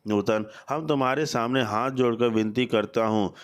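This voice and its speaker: A man reading the lines of a stern elderly village patriarch in a slow, pleading and commanding manner. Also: medium pitch, natural voice.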